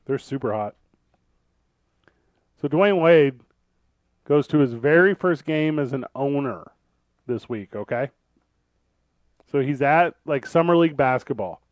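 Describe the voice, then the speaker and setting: A man's voice: mid-range voice, expressive, unhurried, pauses often, dry recording. A man hosting a sports radio show in casual, conversational talk, often repeating and rephrasing as he builds a point.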